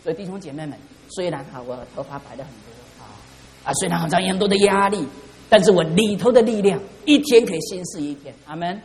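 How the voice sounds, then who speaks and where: A middle-aged pastor preaches fervently in a church hall, calling out to the congregation for responses. His voice is high and a little mellow, and he talks quickly. The recording carries the hall's reverberation.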